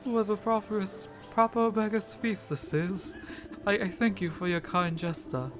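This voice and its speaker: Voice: medium pitch, unhurried, background noise, voice pushed up, lightly acted. A gamer voicing the theatrical, hungry ghost of a poor old man, over game music. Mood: delighted.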